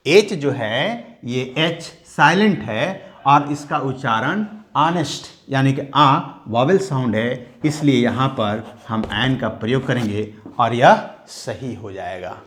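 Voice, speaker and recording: A man teaching a grammar lesson, who explains slowly and repeats each point as a question to his students. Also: mid-range voice, lively intonation, a bit bright. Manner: slow, repeats key words as questions to the class. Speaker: English teacher.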